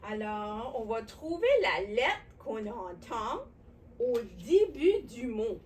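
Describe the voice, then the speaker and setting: A woman with a Québécois accent, hosting a children's lesson on letters and sounds, talking warmly and encouragingly straight to the young viewer. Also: fairly high pitch, slow pace, far from the mic, a little hiss or hum. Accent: Québécois French. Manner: animated, encouraging, speaks directly to the child viewer. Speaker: children's educational host.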